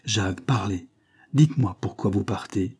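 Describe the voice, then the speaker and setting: A man's voice: moderate pace, a little mellow, husky. A man voicing an impassioned young woman in love. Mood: earnest. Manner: pleading, impassioned, rising in pitch. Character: young woman, anguished and devoted lover. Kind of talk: audiobook character reading.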